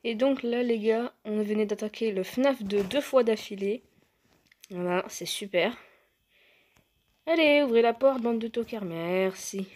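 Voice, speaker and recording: A woman's voice: on the high side, a little slow, a little mellow. Playful young woman commenting on gameplay. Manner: playful, bursts into squeals and laughter, talks to characters. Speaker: gaming youtuber.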